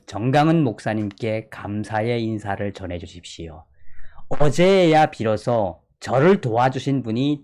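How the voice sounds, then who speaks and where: A man reading a long letter aloud in an earnest, dramatic way, with sudden shifts between loud and soft. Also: medium pitch. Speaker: channel host.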